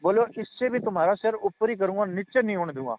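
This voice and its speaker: Speaking fast with lively intonation, a man whose voice sits high rambles earnestly through a casual phone chat. He repeats himself as he explains and reassures, and the call is tinny with faint noise.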